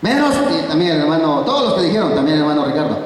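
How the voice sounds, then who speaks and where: A man's voice: fairly high pitch, sing-song, very fast. A man with a Mexican accent preaching a Sunday school sermon to a congregation, repeating phrases for emphasis and quizzing his listeners. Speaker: pastor. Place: church hall. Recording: very echoey church hall from far off.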